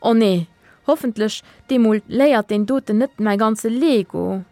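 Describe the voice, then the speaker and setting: A frightened young boy stammers out his words, hesitant and shaky. A woman voices him slowly and close to the microphone in a dry storybook reading. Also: on the high side, mellow, no room sound, soft background music. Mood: anxious. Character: startled young boy, shaken and timid.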